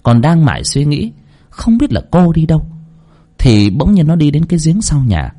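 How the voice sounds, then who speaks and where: A man's voice: on the high side, big pitch swings, normal speed, warm tone. A man narrating a ghost story with a dramatic, swooping delivery.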